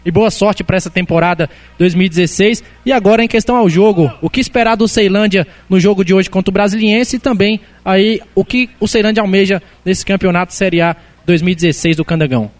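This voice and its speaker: A man's voice: high voice, fast talker. A Brazilian man working as a sports field reporter, putting interview questions before a match.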